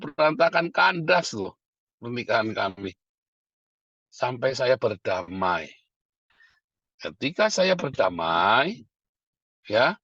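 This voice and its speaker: A man's voice: mid-range voice, fairly bright tone, breathy edge, dry recording, highs cut off. A middle-aged man, a pastor, preaching a sermon and calling to his listeners as brothers and sisters.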